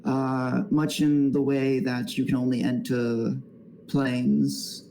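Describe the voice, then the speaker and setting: Slow, formal island queen with a dark, gravelly voice, put on by a male game master. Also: mid-range voice, flat delivery, slight background noise, rough recording. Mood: measured. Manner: formal, measured, hesitant. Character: formal, measured queen of a dragon isle.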